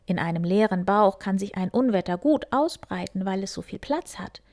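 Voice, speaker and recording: A woman's voice: mid-range voice, lively intonation, normal speed, close to an everyday voice. A woman voicing a kind, caring male fox in a storybook reading, raised above her narration. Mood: earnest. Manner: lifted, louder than the narration. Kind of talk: storybook character voice.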